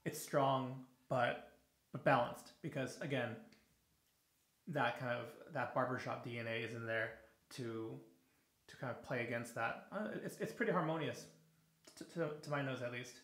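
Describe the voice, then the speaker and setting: Man, 30s, easygoing shave-video host, tired and rambling, middle pitch, bouncy bathroom echo. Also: normal speed. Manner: relaxed, rambling, frequent fillers and restarts. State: a little tired in the evening. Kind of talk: casual product review while shaving. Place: small home bathroom. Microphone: camera on the counter at close range. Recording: echoey bathroom.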